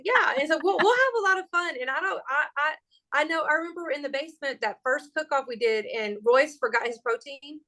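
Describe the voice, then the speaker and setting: High-voiced chatty woman in her forties. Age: 40s. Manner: animated, chatty, quick to joke. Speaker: guest chef. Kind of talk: casual interview chat.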